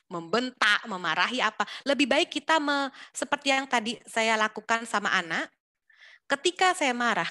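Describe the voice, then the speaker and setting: Bright-voiced woman giving parenting advice. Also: on the high side. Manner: explanatory, hesitant with many fillers. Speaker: psychologist speaker. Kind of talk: live online parenting talk.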